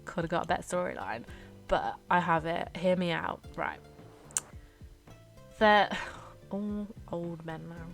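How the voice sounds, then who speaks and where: Chatty young woman, low voice. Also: unhurried, creaky, pauses often, soft background music. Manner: chatty, rambling, with fillers and giggles. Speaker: YouTuber ranking characters. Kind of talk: casual chat over gameplay.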